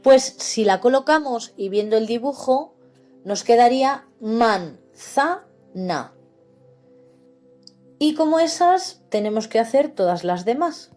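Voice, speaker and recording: Patient female teacher with a Spain Spanish accent, voice pitched a bit high, over soft background music. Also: lively intonation. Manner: slow, patient, spells out words. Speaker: literacy teacher for seniors. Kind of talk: explaining grammar lesson.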